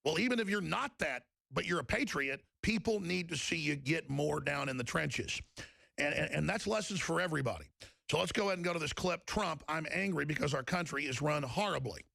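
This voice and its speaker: Gravelly, emphatic male talk radio host. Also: a little high, dry recording. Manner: emphatic, rapid, rising to near-shouts. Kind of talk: fiery talk radio monologue.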